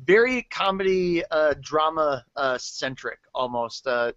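Hesitant man podcaster, slightly higher voice. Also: animated, unhurried, a bit bright, dry recording, lo-fi sound. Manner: hesitant, filler-heavy. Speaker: podcast co-host. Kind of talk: casual TV episode discussion.

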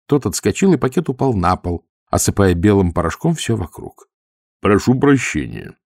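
A man reading an audiobook aloud in a lively, theatrical way. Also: mid-range voice, no echo, clean studio sound. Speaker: audiobook narrator.

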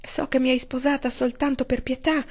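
Woman narrator doing an anguished young woman; raised, pleading, pitched up. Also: level tone, moderate pace. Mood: distraught.

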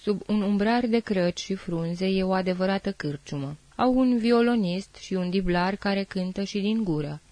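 A woman's voice: mid-range voice, dry recording. Woman reading a literary novel aloud. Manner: measured, expressive. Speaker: audiobook reader. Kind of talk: literary audiobook narration.

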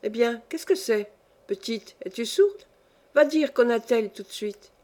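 Woman doing old countess, imperious, capricious, peevish, querulous, fairly high voice, audiobook. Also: measured pace, mellow, natural voice.

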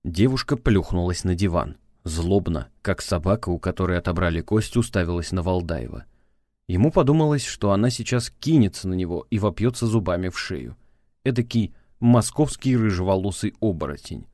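Deep-voiced man reading an audiobook. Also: expressive, normal speed, darkish tone, no room sound, clean studio sound. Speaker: audiobook narrator. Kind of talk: scripted audiobook narration.

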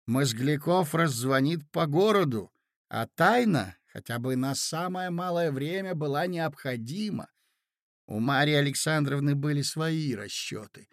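A man with a fairly high voice reads a classic novel aloud. His narration is steady and even. The recording is close and dry, with no room sound. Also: creaky, dry recording. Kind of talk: scripted audiobook narration.

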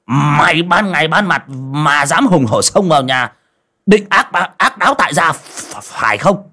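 A man's voice: wildly swooping pitch, normal speed, fairly bright tone, slightly rough, heavily acted. A man voicing a jittery, cowardly old coffin maker who stammers and whines. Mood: blustering. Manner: stammering, shrill when panicked.

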